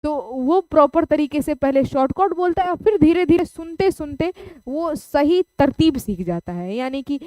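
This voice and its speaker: Woman, teacher, online lecture, high pitch, dry recording, frequent check-ins. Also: dark tone, no echo. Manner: explains with everyday examples, checks in with "okay?".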